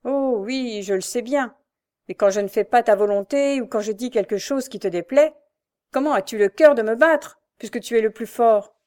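A woman's voice: fairly high pitch, normal speed, mellow, lightly acted. A woman voicing a meek, frail knife-grinder who pleads with his brutal brother, in a storybook reading. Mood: pleading. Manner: pleading, timid.

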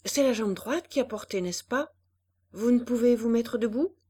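A woman's voice: a little high, moderate pace, dark tone, breathy edge, no echo, clean studio sound, pitched above the performer's own voice. A woman voicing an earnest male doctor. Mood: concerned. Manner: earnest questioning. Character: concerned middle-aged male doctor.

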